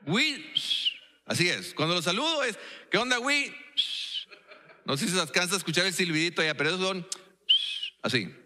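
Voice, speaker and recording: A man's voice: high voice, very animated, fast talker, sharp tone, a little hiss or hum. A man with a Mexican accent preaching a sermon in a church, playful and full of storytelling and jokey asides. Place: church sanctuary. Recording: echoey church hall.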